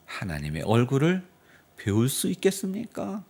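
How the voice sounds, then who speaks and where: A man's voice: medium pitch, wildly swooping pitch, moderate pace, a little mellow. A male pastor delivering a Sunday sermon in church, telling the story dramatically and asking the congregation rhetorical questions. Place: church sanctuary.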